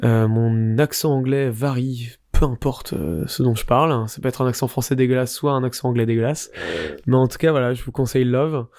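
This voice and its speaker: A man's voice: mid-range voice, steady tone, brisk, darkish tone, no echo, clean studio sound. A man co-hosting a podcast, casually recommending films in a rambling, hesitant way with many fillers. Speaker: podcast co-host.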